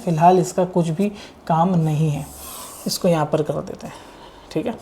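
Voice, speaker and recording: Preparing students for an exam, a man teaching maths walks through each step, slipping English maths terms into his explanation and repeatedly asking rhetorical questions. He has a high-pitched, mellow voice, with a little hiss or hum in the recording.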